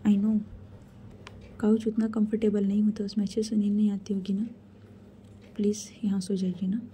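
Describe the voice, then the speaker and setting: A woman's voice: medium pitch, flat delivery, normal speed, mellow, a little hiss or hum, close to an everyday voice. A woman voicing a shy, anxious young woman student who pleads for help, in a hesitant whispered role-play. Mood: pleading.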